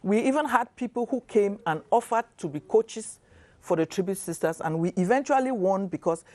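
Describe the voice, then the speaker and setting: A woman from Cameroon on a studio panel, recounting in a measured way. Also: medium pitch, lively intonation, mellow.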